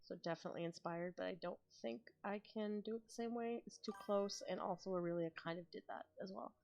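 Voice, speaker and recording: A tired young woman streaming, chatting casually and thinking out loud with frequent laughs. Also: medium pitch, quick pace, vocal fry, faint music behind. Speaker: ASMR streamer. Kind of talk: casual chat on a live stream.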